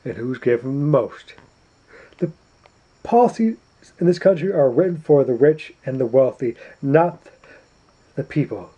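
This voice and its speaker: A man giving a preachy, emphatic political rant to camera at home at night, clearing his throat often. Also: mid-range voice, lively intonation, a little slow, pauses often, mellow, muffled recording. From United States. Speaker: YouTuber. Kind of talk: opinionated political vlog rant.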